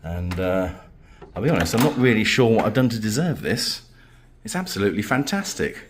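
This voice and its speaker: A man's voice: fairly low pitch, sing-song, a little fast, slight background noise. A man giving a casual, unscripted vlog room tour in an appreciative, amused, understated way. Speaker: vlogger.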